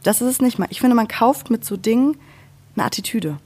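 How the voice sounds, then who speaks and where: A woman's voice: fairly high pitch, animated, brisk, mellow, breathy edge. A woman chatting casually and frankly on a podcast, voicing firm opinions.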